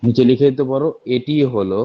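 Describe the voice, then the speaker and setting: A man's voice: medium pitch, fast. A man teaching a math lesson for exam prep. He repeats each step, quizzes students with rhetorical questions and keeps warning them about careless slips. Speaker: math tutor. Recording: dull lo-fi recording.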